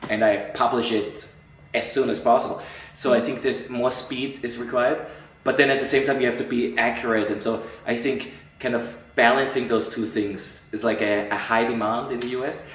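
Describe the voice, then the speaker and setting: This middle-aged Austrian man, an entertainment journalist, responds to interview questions with lively energy, mimicking the colleagues he quotes and frequently starting over. He speaks in a mid-range voice at a moderate pace. The recording has an echoey room sound, with his voice somewhat distant from the microphone.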